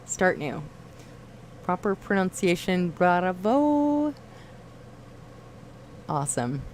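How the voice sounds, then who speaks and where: Woman, livestream host, relaxed chat, lowish voice, reads comments aloud. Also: moderate pace, a little hiss or hum.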